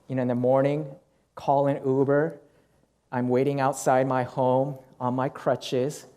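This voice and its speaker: A man's voice: medium pitch, dark tone. A middle-aged male pastor preaching a sermon, telling a personal story and acting out his own reactions.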